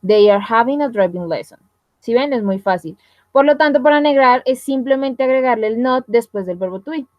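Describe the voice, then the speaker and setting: Give me a woman teacher giving an online lesson, patient and step by step, with a slightly high voice. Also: lively intonation, moderate pace, no room sound, lo-fi sound. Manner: explains step by step, asks "¿listo?" and "¿sí?" to check in. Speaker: English teacher.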